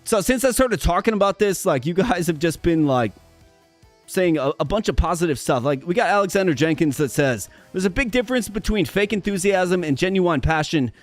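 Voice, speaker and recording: Over soft background music on a dry recording, a man with a high-pitched voice and lively intonation gives brisk, casual commentary while streaming a game. Upbeat and chatty, he talks directly to viewers, his worn, strained voice sometimes stuttering or repeating words.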